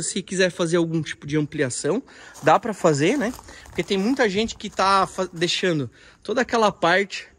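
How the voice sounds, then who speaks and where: A man's voice: on the high side, a bit bright. A man giving a casual, slangy house tour, chatting to viewers and pointing out details as he walks through an empty house. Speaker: real estate video host. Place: empty house with bare hard floors. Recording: echoey empty rooms, long reverb.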